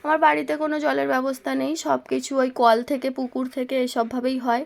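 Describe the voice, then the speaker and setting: Recorded on a phone, this vlog has a young woman, a mother, casually walking through her daily housework in a chatty, homely way. She talks briskly in a high, creaky voice that barely moves in pitch.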